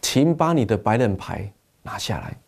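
A persistent young man, as a preacher plays him, asking plain questions in a lively, rising and falling voice. His tone stays dark and mellow. He speaks directly and without hesitation. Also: on the low side, normal speed, gravelly, husky, heavily acted. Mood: reproachful.

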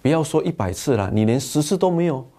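A persistent young man, as a preacher plays him, asking plain questions in a lively, rising and falling voice. His tone stays dark and mellow. He speaks directly and without hesitation. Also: on the high side, fast, lightly acted. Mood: reproachful.

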